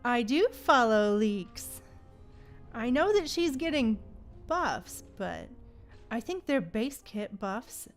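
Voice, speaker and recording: With a higher voice and wide swings in pitch, this livestream host talks slowly while playing games casually, bantering with viewers and thinking out loud in a playful way. Faint music can be heard behind her.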